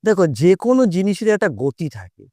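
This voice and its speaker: A man's voice: sits high, sing-song, quick pace, dark tone, no room sound. A man teaching a lesson to students, patiently repeating his points and reciting short rhymes to show their rhythm.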